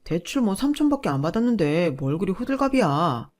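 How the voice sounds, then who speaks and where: A woman's voice: on the low side, sing-song, fairly quick, darkish tone. A woman voicing a selfish adult husband who talks in a dismissive, blaming way.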